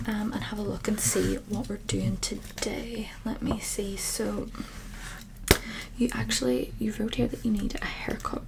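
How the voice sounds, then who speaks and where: A woman in an ASMR role-play, giving breathy ASMR personal attention close to the mic, with tingly mouth sounds and softly repeated words. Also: mid-range voice, very noisy. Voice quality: breathy unvoiced soft voice. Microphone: close-up ASMR microphone.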